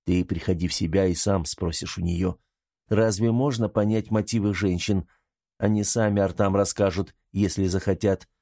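A man voicing a steady young man who calmly reassures his brother in an audiobook reading. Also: sits low, normal speed, dry recording, clean studio sound. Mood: reassuring. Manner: calm, reassuring.

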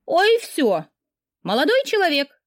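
A woman's voice: extremely high pitch, huge pitch swings, unhurried, dry recording, studio quality, pitched above the performer's own voice, full character voice. A woman reading an audiobook, voicing a cheerful, bossy young woman friend who teases. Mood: bubbly. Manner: teasing, bubbly.

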